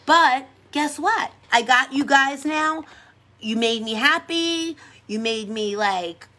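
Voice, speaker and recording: A woman's voice: high voice, slow pace, pushed and bright. A middle-aged woman from New York with a New York accent, hosting a casual livestream chat while doing her makeup, brash and chatty and often repeating herself. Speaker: livestream host.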